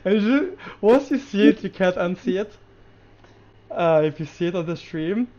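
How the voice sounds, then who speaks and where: A podcast co-host reviewing a show in casual chat, excited and quick, with many restarts. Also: medium pitch, crowd noise. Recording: lo-fi podcast audio.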